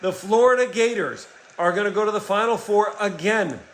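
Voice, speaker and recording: A middle-aged man calling a basketball game play by play, energetic and rising in excitement on big plays. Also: high voice, moderate pace. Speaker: play-by-play commentator. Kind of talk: play-by-play sports commentary. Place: home setup, voice-over for a replayed game.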